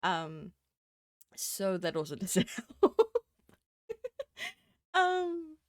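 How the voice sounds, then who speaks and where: A woman from the Southern Hemisphere streams live on a desk microphone, chatting casually with lots of fillers and giggles and sounding a bit sniffly from a cold. Her voice is lowish with big pitch swings and drawn-out words, and the recording is dry.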